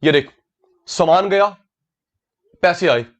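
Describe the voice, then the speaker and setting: Teaching an online class in Hindi, a man with a high, animated voice takes things slowly. He calls on students by name, repeats key words, and mixes English terms into his speech.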